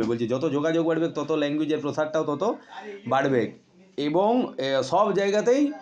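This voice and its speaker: A man's voice: fairly high pitch, darkish tone. A male teacher giving an informal lecture to his students, talking in a casual way with frequent restarts and fillers. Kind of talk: classroom lecture explaining a text. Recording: dull lo-fi sound.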